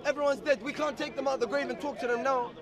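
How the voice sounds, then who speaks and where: A man's voice: very high voice, steady tone, racing. A young man, arguing in street slang and pressing the same questions over and over outdoors. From Iraq. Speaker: visitor debating. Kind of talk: heated street debate. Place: outdoor park among a crowd. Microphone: clip-on lapel mics. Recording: busy crowd chatter behind.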